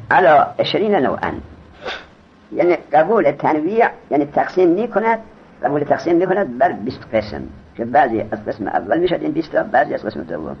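A man's voice: on the high side, creaky, a little hiss or hum. A man teaching Arabic grammar in a classroom lecture. He reads the text aloud, explains it in casual speech and quizzes his students. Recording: dull lo-fi recording.

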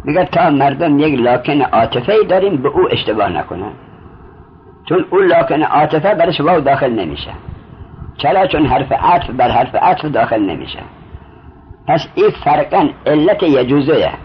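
Man teaching a slow deliberate grammar lesson. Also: fairly high pitch, sing-song, a little hiss or hum. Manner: deliberate, explains slowly and quizzes the student. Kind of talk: traditional Arabic grammar lesson. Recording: muffled lo-fi recording.

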